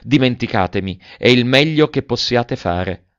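A man's voice: mid-range voice, animated, measured pace, no echo, pitched above the performer's own voice, close to an everyday voice. A man voicing a proud, resolute young woman who speaks with grave earnestness. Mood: firm. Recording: dull dry lo-fi recording.

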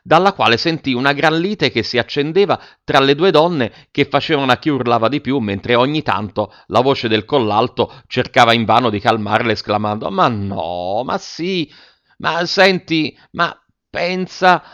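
A man reading a children's story aloud with steady first-person narration. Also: medium pitch, moderate pace, hardly any pauses. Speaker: audiobook reader.

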